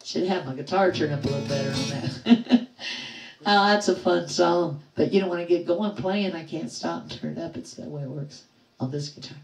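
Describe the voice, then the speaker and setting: An older woman with a fairly low voice and moderate pace hosts a music livestream from her trailer-park home, cheerfully chatting and greeting viewers by name. The audio sounds roomy, with her distant from the mic.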